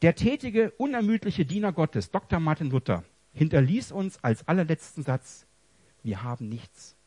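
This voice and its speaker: A man delivers a heartfelt testimony sermon in a husky voice. He moves from hushed, broken confession to raised, pleading cries. The recording is dry and close. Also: a little high, expressive, normal speed, no echo. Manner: emotional, dramatic swings between hushed and loud. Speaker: preacher.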